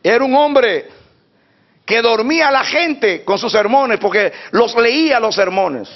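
A man preaching a sermon to his church, moving from hushed talk to shouting and repeating words for emphasis. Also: very high-pitched, lively intonation, measured pace. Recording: dull lo-fi sound.

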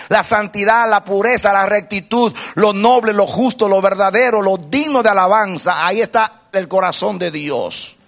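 A man with a high-pitched voice preaches a sermon as pastor. He calls out questions and has the congregation repeat the answers back to him. His delivery swings between low, quiet stretches and loud, ringing exhortation. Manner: call-and-response preaching, asks the congregation to repeat.

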